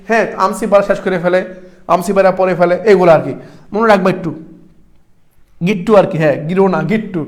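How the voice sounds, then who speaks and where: High-voiced young male tutor, drills exam questions by repeating them. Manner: repeats questions and answers, addresses students as brothers. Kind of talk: exam-prep class lecture.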